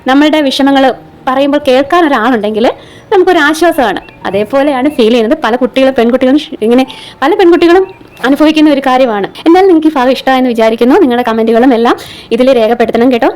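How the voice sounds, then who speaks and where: Fast-talking woman reading a story. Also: high voice. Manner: expressive reading, raises voice for dialogue. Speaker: storyteller and channel host. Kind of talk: reading a serialized story aloud.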